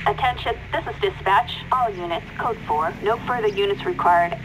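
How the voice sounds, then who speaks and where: A woman's voice: mid-range voice, normal speed, music in the background, poor audio. A woman voicing a police dispatcher heard over the police radio, giving orders in clipped, formal radio codes. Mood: flat.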